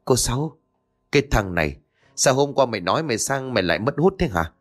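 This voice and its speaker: A man's voice: mid-range voice, very animated, fast. A man voicing a nosy, blunt old village woman who scolds and gossips as she tells what she saw. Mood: scolding.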